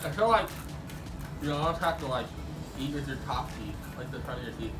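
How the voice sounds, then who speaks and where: A man's voice: medium pitch, expressive, brisk, over loud music. A young man chatting casually through an eating challenge, his consonants slurred by a mouth retractor stretching his lips wide. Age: young adult. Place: indoor room at a table. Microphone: distant camera. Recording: echoey room, distant from mic.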